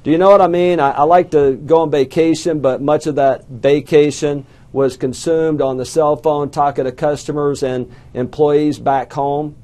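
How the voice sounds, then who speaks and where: A middle-aged man from the southern United States, with an Alabama Southern accent, gives a motivational talk to an audience as a small business coach speaker. His voice is fairly high and dark, steady in tone, at a moderate pace with hardly any pauses. He tells folksy stories laced with self-deprecating jokes.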